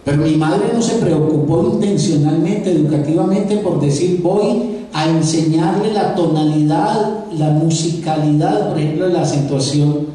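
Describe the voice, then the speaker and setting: Heard from far off in an echoey auditorium with faint noise, a Colombian professor with a Paisa accent from Antioquia gives a live lecture. He talks conversationally to the audience, frequently repeating words while thinking. His voice is mellow, a little high, and at normal speed.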